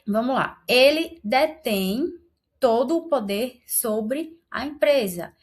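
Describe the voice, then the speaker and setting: Slow, patient teacher woman. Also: a little high, animated, a little mellow. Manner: patient, explanatory, often checks in with "né?". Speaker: Portuguese grammar teacher. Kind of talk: online grammar lesson.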